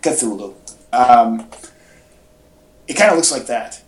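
Expressive and slow, this mid-range male voice belongs to a podcast co-host in a casual pop-culture chat who talks informally like an enthusiastic fan. Crowd noise can be heard, and the audio has an echoey room sound.

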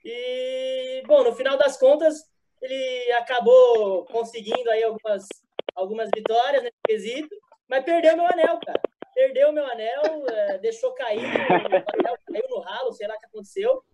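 A man's voice: very high voice, expressive, moderate pace, noisy background. A man guest telling his own version of a story in a chatty, slightly sheepish way. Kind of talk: casual storytelling.

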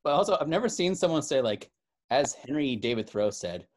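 A man banters on a relaxed podcast, teasing his co-host and laughing often. His voice sits at a middle pitch, and his manner is loose and playful. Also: brisk. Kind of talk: casual chat.

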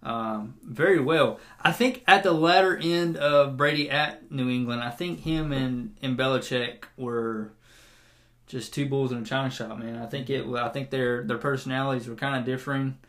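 A man's voice: mid-range voice, fairly even intonation, moderate pace, a bit bright. A man in his twenties co-hosting a casual sports podcast, rambling and often restarting his sentences. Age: 20s. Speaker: podcast co-host.

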